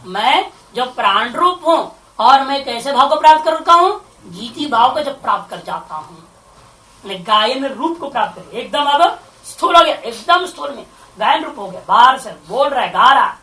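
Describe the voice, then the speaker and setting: Lady teacher going through sanskrit text bit by bit, bright high voice, sounds far off. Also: expressive, normal speed. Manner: explains Sanskrit phrases line by line, asks rhetorical questions. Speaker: spiritual teacher. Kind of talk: scripture commentary lecture. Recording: echoey room, far from the mic.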